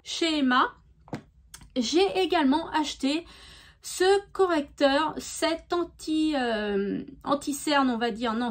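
A middle-aged woman talks through her shopping haul in a relaxed, chatty way, often pausing to find her words. Her voice sits high and her tone stays upbeat about the products. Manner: chatty, frequent hesitations, enthusiastic about products. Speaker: beauty vlogger. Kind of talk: casual haul chat to camera.

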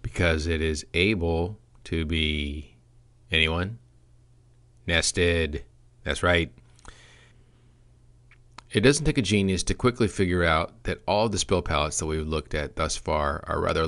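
Male product trainer with a deep voice, reading a script with dry, deadpan humor. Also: takes it slowly, pauses often.

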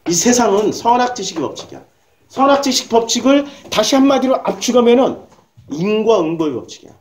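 A woman's voice: fairly high pitch, big pitch swings, a little fast. A woman pastor preaching a sermon in a blunt, emphatic way, firing rhetorical questions and dropping coarse slang. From South Korea.

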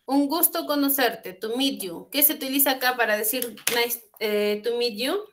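Heard over a laptop webcam on a video call, a young woman in a small room at home leads an online English class, patiently explaining exercises in a mix of Spanish and English. Her voice is on the high side and fairly bright, at a moderate pace, with a little hiss or hum.

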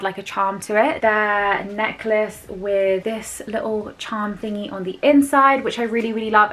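A woman's voice: mid-range voice, fairly bright tone. Young woman, casual haul vlog, enthusiastic, lots of fillers. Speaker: beauty vlogger. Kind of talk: casual haul chat to camera.

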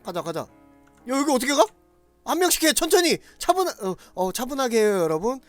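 A man doing loud, excitable gameplay commentary, exclaiming and talking straight to his viewers. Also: very high voice, normal speed, no echo, soft background music. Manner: loud, excitable, shouting and laughing often; talks to viewers directly. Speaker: game streamer.

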